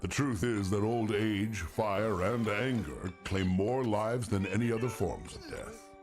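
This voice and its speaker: An actor playing a dryly amused male Grim Reaper, narrating a game trailer in a wry, gravelly voice. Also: fairly low pitch, a little slow, natural voice. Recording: trailer audio with loud music.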